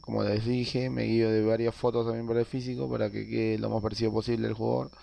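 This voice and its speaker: Speaking fast in a gravelly, dark, level voice on the low side, a man voices a laid-back screen-recorded game tutorial. He walks through every step with plenty of filler sounds and tag questions, and the recording has no echo.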